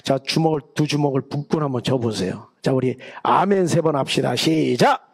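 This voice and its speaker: A middle-aged Korean pastor with a Chungcheong accent, preaching a revival sermon in a church. His voice is gravelly with a husky edge, and he talks in a folksy, chatty way, teasing the congregation. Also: medium pitch, brisk. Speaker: guest pastor. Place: church sanctuary.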